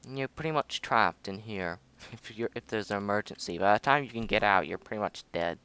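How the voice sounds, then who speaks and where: A man's voice: fairly low pitch, animated, brisk, pushed and bright, clear, resonant tone. A young man casually commenting on his own space game footage, rambling, humming and joking at himself. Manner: rambling, self-mocking, hums and mutters to himself. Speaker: gameplay video host.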